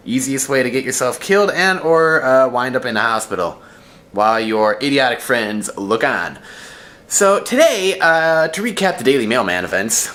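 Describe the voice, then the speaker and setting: Guy vlogging his day, animated and ranty, voice keeps jumping up high when he stresses stuff. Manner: animated, ranting, jumps up in pitch for emphasis. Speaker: vlogger and mail carrier. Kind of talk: casual daily vlog chat.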